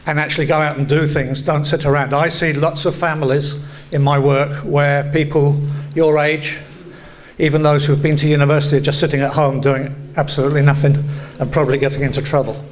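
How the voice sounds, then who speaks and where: A man in his sixties, a community worker, giving plain, measured advice to young people at a community event, with touches of humor. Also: on the high side. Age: 60s. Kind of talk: public speech at a community event.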